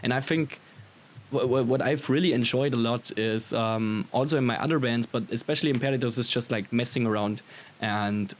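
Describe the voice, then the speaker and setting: A mid-range male voice, talking a little fast. He's a native German speaker with an Austrian accent, a musician guest on a podcast, chatting casually and enthusiastically through the interview, with clearly audible hiss in the background.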